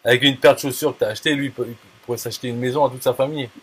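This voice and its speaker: A man's voice: medium pitch, fairly even intonation, very fast, fairly bright tone, husky. A man talking casually and bluntly, full of fillers, restarts and crude slang. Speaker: affiliate marketer. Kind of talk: casual talk to a viewer.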